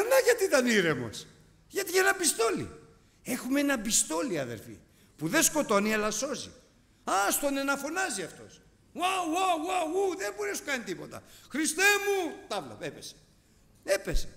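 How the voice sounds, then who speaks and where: Animated Greek preacher in a reverberant hall. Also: male voice, high voice. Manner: animated, storytelling with sound effects. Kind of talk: sermon.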